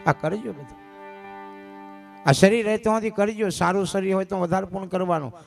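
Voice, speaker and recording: A man, a bhajan singer and preacher giving a folksy sermon at a village gathering, telling stories and breaking into drawn-out sung verses. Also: sits high, gravelly, soft background music.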